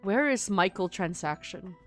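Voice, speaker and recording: A woman's voice: fairly low pitch, expressive, a little slow, a bit bright, faint music behind. A woman streaming a game with casual, playfully grumpy and blunt commentary. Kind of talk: casual gameplay commentary, reading and reacting.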